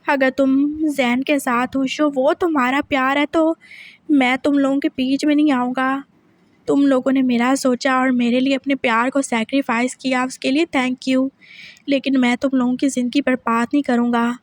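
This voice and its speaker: A woman's voice: high-pitched, level tone, moderate pace, no room sound, close to an everyday voice. A woman reading a story aloud, voicing a young husband who pushes hard with repeated questions. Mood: tender, remorseful. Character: intense possessive young husband, man.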